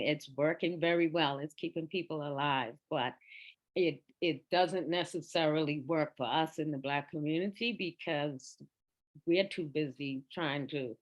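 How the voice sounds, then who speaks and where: Woman, very low voice, earnest, measured, pauses for words, former nurse sharing at a forum. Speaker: panel speaker, former treatment nurse. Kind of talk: personal talk at a recovery forum.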